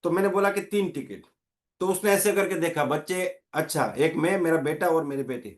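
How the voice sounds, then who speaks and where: Lively, fairly high-voiced male trainer. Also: a little fast. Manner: animated storyteller, wide pitch swings. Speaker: motivational trainer. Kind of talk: motivational seminar talk. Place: training hall.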